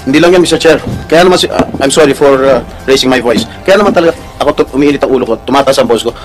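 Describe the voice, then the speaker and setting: A man questioning witnesses at a Senate hearing, stern and warning, rising to shouted scolding. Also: medium pitch, racing, music in the background. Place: hearing room.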